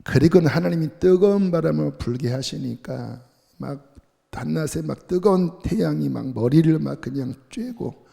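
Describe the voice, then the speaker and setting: Male pastor, storytelling sermon, gravelly warm voice, long church echo. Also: fairly high pitch, moderate pace. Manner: lively storytelling with colloquial asides.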